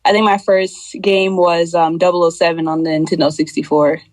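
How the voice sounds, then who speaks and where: A woman's voice: on the low side, a little fast, dry recording, low-quality recording. A woman in her twenties from the United States, chatting casually as a podcast guest with lots of fillers. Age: 20s. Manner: relaxed, chatty, many fillers. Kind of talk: casual chat.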